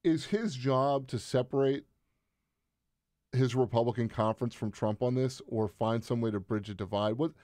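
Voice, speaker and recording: A man's voice: medium pitch, warm tone, dry recording, studio quality. Man hosting a political talk show. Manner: conversational, drawn-out questions with fillers. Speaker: podcast host.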